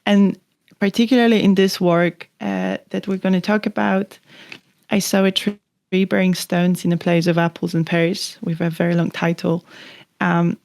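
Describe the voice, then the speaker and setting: A woman's voice: fairly low pitch, little pitch movement, moderate pace, vocal fry, a little mellow, dry recording. Young Polish-born woman, chatty and reflective. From Poland. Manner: thoughtful, rambling, many "like" fillers. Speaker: photographer guest. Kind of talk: casual interview chat.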